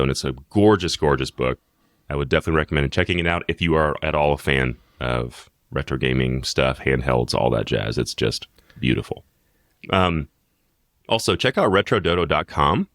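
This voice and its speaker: A man's voice: very deep voice, fairly bright tone, no echo, studio quality. A man co-hosting a podcast, chatting casually and in a friendly way with his co-host. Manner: friendly, chatty, many fillers.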